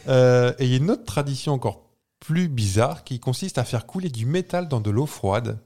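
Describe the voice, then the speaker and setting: A man's voice: mid-range voice, animated, normal speed, warm tone. Playful French man hosting a quiz chat. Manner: playful, teasing, laughs often. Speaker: podcast co-host.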